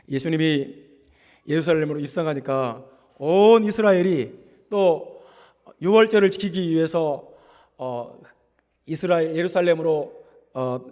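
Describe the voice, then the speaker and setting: A man preaching a Pentecostal sermon as pastor, building to loud proclamations. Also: fairly high pitch, big-room sound. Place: church sanctuary.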